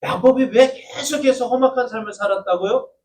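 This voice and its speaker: A man's voice: very high voice, brisk, darkish tone. A male pastor giving a Sunday afternoon sermon, often asking the congregation questions and answering them himself. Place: church sanctuary. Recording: distant mic with faint room noise.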